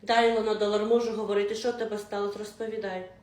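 A woman voicing a calm, knowing female best friend who talks softly and reassuringly. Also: mid-range voice, racing, roomy sound, voice pushed down, lightly acted.

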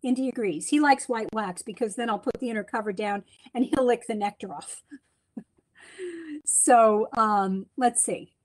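A woman's voice: on the high side, unhurried. A middle-aged woman giving a chatty slide lecture from home over a webcam, with many ums and restarts. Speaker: beekeeping speaker. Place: home room, indoors. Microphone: webcam on a video call.

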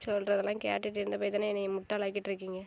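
A woman's voice: medium pitch, rapid-fire, creaky, highs cut off, slight background noise, close to an everyday voice. An actress playing a young wife and new mother, hurt and stubborn, speaking coldly in a melodramatic family drama. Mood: cold anger. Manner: cold, flat, stubborn. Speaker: actor in a web drama.

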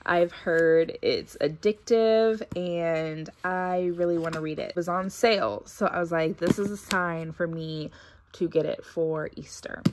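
A young woman narrating a casual haul video at home, thinking aloud as she sorts gifts, with a few soft laughs. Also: lowish voice, fairly even intonation, measured pace, slight background noise. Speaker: vlogger. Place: carpeted room at home, indoors.

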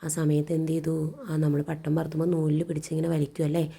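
A woman's voice: low-pitched, monotone, a little fast, gravelly, dark tone, slightly rough. A woman teacher reading a story to children and explaining it, asking questions and answering them herself. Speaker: primary school teacher.

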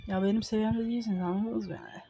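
A woman giving live commentary over her own gameplay, excitable and boastful, shouting and cursing at the game. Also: medium pitch, fast, vocal fry, husky. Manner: boastful, trash-talking opponents. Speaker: gaming video creator.

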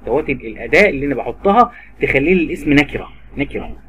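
A man's voice: medium pitch, very animated, rapid-fire, a bit bright, muffled recording, slight background noise. A man with an Egyptian Arabic accent teaching English grammar to a child, patiently repeating words and examples. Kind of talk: drilling grammar lesson for a child.

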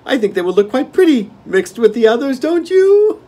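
A man voicing a petulant, vain male gnome king who is quick to anger and gleeful about his tricks. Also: extremely high pitch, very animated, warm tone, pitched above the performer's own voice, heavily acted. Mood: smug, gleeful.

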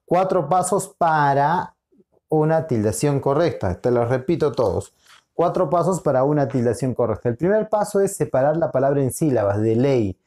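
A man teaching a recorded lesson with a warm, mellow voice. He explains patiently, drawing words out, repeating each point and checking in with short questions. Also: medium pitch, expressive, normal speed. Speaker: school teacher.

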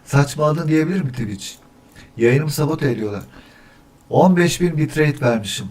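A man's voice: fairly high pitch, expressive, moderate pace, darkish tone. A man talking casually on a livestream, testing his mic by counting weekdays, reading the chat and grumbling about technical problems. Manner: easily annoyed, grumbling about echo. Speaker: streamer.

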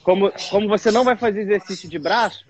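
A man's voice: high-pitched, fast, soft background music. A man coaching a workout, encouraging and calling out rep counts. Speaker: personal trainer.

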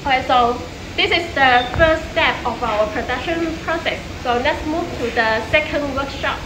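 A woman's voice: high-pitched, normal speed. A young woman, a sales manager, walking a viewer through a factory workshop, talking with frequent fillers and restarts. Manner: hesitant, many fillers and restarts. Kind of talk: walking factory tour presentation. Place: large indoor factory workshop. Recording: echoey workshop, distant mic, loud background hum.

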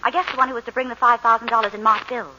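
An actress playing an anxious young wife making a payphone call, in 1950s radio drama style, urgent and halting. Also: female voice, fairly high pitch, steady tone. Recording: noisy, dull old radio broadcast.

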